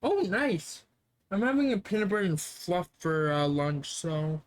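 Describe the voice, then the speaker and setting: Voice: mid-range voice, lively intonation, moderate pace. A streamer reading a dating game aloud on a live stream, with sarcastic, swearing asides. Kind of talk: live game read-through with commentary.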